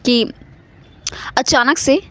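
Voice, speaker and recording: A woman's voice: high-pitched, drawn-out words, fairly bright tone. A young woman casually telling a personal story into her phone, chatty and mixing English words into her talk, often checking in with "okay". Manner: chatty, mixes in English, keeps saying "okay". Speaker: vlogger.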